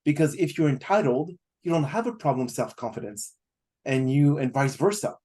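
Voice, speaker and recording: A man's voice: on the high side, expressive, moderate pace, a little mellow, husky. Guy hosting a podcast, rambles on with lots of uh and um before getting to his question. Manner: rambling, with many fillers. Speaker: podcast host. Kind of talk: casual interview talk.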